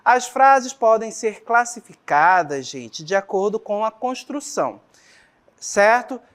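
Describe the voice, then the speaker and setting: A woman's voice: medium pitch, sing-song, slow. A woman teacher with a Brazilian Portuguese accent giving a grammar lesson, explaining patiently and checking in with the class often.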